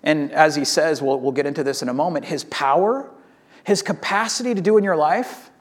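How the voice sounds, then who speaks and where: Animated, high-voiced male pastor preaching. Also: brisk. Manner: conversational, animated storytelling with frequent "right?". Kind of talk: sermon.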